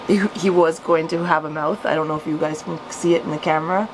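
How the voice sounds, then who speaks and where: Over background noise, a woman with a low voice and quick pace reads out a story from her childhood. A vlogger and storyteller, she chuckles and pokes fun at herself in casual, amused asides, becoming animated while reading.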